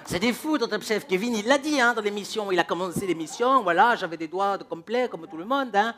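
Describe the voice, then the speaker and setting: A man doing stand-up comedy, ranting in an animated, mock-exasperated way. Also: high-pitched, a little fast.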